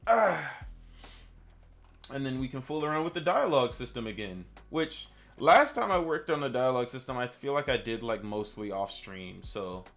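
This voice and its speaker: A man's voice: mid-range voice, a little fast, few pauses. A man streaming his game development, talking casually to viewers and thinking aloud as he works. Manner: relaxed, thinking aloud, chatty asides to viewers. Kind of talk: casual live-stream chat.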